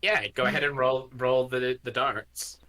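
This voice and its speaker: Slow, bright-voiced male game master. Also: mid-range voice, steady tone. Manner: halting, deliberate, pausing mid-sentence. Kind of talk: improvised tabletop game narration.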